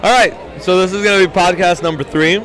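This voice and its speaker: A man's voice: sits high, fairly even intonation, fast. A man hosting a casual podcast, chatting hesitantly with many restarts and laughs, recorded at a busy outdoor market bar. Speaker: podcast host. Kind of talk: casual chat. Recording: loud crowd noise around. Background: crowd chatter.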